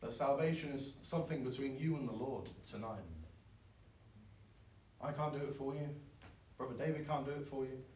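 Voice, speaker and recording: A man, preaching a sermon in an earnest, pleading way that swells loud and then drops soft. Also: mid-range voice, normal speed, long pauses, a little hiss or hum. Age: 20s. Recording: echoey, from far off.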